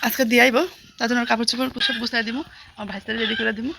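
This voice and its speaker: A young woman speaks rapidly in a slightly high, hoarse voice as she vlogs casually around her rural home. She often switches to loud, cooing talk aimed at a small child. The phone recording picks up a lot of background noise. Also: level tone. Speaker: vlogger. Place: rural home, indoors and yard.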